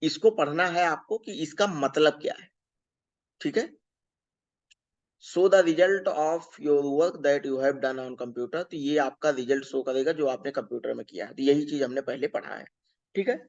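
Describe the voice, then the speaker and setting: A male teacher going through a children's workbook lesson, reading English questions slowly, explaining in Hindi, spelling words letter by letter and often checking "ठीक है". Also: fairly high pitch, lo-fi sound. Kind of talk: workbook lesson for young pupils.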